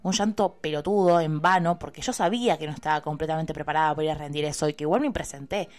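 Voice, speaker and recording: Chatty young Argentine woman, lowish voice. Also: fast. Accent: Argentine Spanish. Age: young adult. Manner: expressive, chatty, swears casually. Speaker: university student vlogger. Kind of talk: casual personal storytelling.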